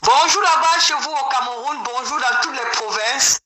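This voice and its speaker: A woman's voice: sits high, moderate pace, sharp tone. Rousing woman caller on speakerphone. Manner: emphatic, rousing, addresses the audience directly. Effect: heard over a speakerphone. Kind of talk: political rallying address. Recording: roomy speakerphone call with crowd noise.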